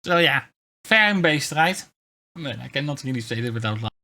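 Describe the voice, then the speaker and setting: A man livestreaming in a casual chat, talking in a halting, rambling way with wry, self-deprecating grumbles. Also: medium pitch, lively intonation, pushed and bright. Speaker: VTuber streamer.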